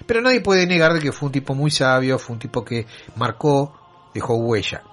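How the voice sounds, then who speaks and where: A man with a mid-range voice and a Rioplatense Spanish accent speaks at a normal speed. He hosts a show, telling a story directly to his audience and frequently posing rhetorical questions.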